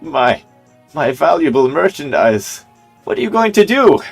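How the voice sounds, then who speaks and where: A man voicing a cowardly, fussy male merchant who pleads in a shrill voice. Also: big pitch swings, a little slow, vocal fry, slightly rough, soft background music, full character voice, rough recording. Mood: panicked.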